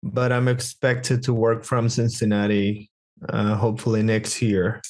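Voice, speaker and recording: A man's voice: fairly low pitch, completely flat delivery, unhurried, a little mellow. A young man from Guatemala, a psychotherapist speaking as a podcast guest, talking casually and searching for words with frequent restarts.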